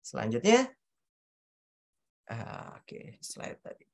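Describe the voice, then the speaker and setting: A woman's voice: a bass voice, big pitch swings, takes it slowly, vocal fry. A woman presents a coaching workshop, speaking directly to the audience and acting out example questions, with some hesitant restarts. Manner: hesitant restarts while explaining. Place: talk venue before an audience.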